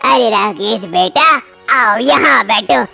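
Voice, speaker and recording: A woman's voice: fairly high pitch, takes it slowly, gravelly, bright, forceful tone, voice pushed down, exaggerated voice. A woman voicing an affectionate old village mother-in-law who fusses over her new daughter-in-law. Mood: doting. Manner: fussing, affectionate. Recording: faint music underneath.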